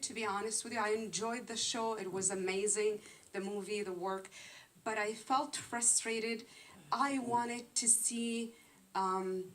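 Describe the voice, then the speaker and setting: A woman's voice: medium pitch, fairly bright tone, far from the mic. A woman in her forties from Palestine, commenting earnestly from the audience at a film screening. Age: 40s. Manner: earnest, impassioned. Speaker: audience member. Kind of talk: question from the audience. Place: screening hall.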